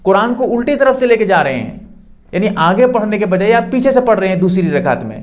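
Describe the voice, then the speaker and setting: Guy walking thru prayer steps, bit high voice, keeps repeating stuff and going up for emphasis. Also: sing-song. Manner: explanatory, repeats points, rises in pitch for emphasis. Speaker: Islamic teacher. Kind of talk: religious instruction.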